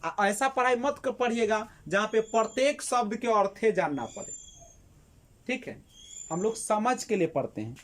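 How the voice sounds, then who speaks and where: A woman teacher works through exam questions for her class. Her voice sits slightly high, and she keeps asking the class questions, then answering them herself. She repeats key words as she explains. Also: animated, normal speed. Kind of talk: exam-prep lesson explaining Sanskrit pedagogy questions.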